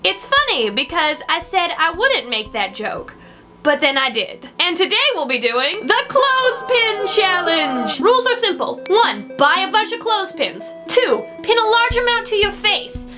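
A woman's voice: very high voice, sing-song, unhurried, over loud music. A young woman hosting a video, narrating a challenge in a scripted, upbeat vlog style. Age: young adult. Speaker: vlog host. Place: bedroom.

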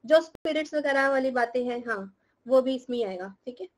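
A young woman with a high-pitched, slightly mellow voice lectures a little fast in a live class mixing Hindi with English. She explains terms, teases and scolds her students through questions, and laughs often, all on a rough recording.

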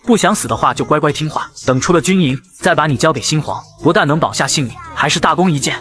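A man's voice: on the high side, fast, fairly bright tone, soft background music, natural voice. A man voicing a smug, treacherous general. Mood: sneering. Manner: sneering, threatening. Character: scheming traitorous male general, smug.

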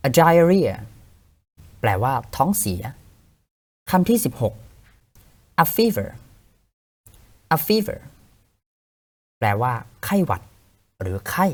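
A young man hosting a vocabulary lesson podcast, a clear, patient teacher who spells words out letter by letter. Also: mid-range voice.

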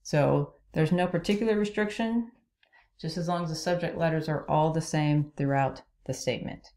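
A woman gives a logic lesson as a slide voice-over in a screen recording, explaining every rule in steps and asking "okay?" to check in. She speaks at a moderate pace in a low-pitched, slightly mellow voice.

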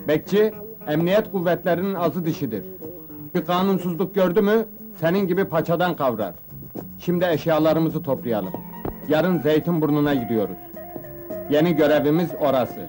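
Actor as a high-voiced, self-important neighborhood watchman in a film comedy; guitar music under the dialogue. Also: moderate pace, natural voice. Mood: pompous. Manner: solemn, pompous talk of duty and law. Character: naive, officious male neighborhood night watchman. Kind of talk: 1980s film comedy acting.

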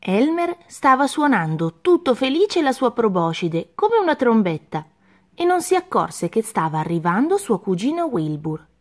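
Lady reading a kids' story out loud, sing-song and animated. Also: fairly high pitch, moderate pace. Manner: expressive, sing-song narration. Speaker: children's story reader. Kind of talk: storybook reading aloud for children.

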